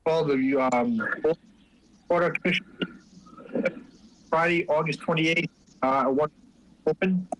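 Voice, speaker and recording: A man chairing a remote board meeting in a halting way with many fillers, his call audio cutting in and out so his volume is uneven. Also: on the high side, a bit bright, slight background noise, poor audio. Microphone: online call.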